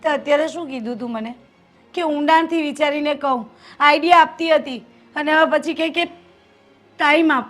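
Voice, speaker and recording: An actress playing a hardworking, resentful daughter-in-law who complains constantly, with a Gujarati accent. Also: female voice, sits high, normal speed, pauses often, fairly bright tone, faint music behind. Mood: impatient. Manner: complaining, aggrieved.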